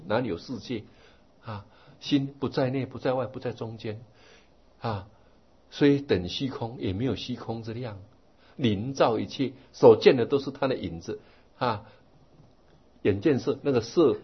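Husky breathy guy teaching a buddhist sermon, super lively up and down, kind of muffled recording. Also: on the low side. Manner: animated storytelling with frequent drawn-out particles. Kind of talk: dharma talk sermon.

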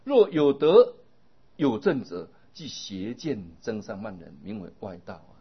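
A lower-pitched man preaches a Buddhist sermon in a very husky, breathy voice that swings widely up and down. He explains patiently and keeps drawing out the ends of his phrases. The recording sounds dull and lo-fi. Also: sing-song, unhurried. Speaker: Buddhist dharma teacher.

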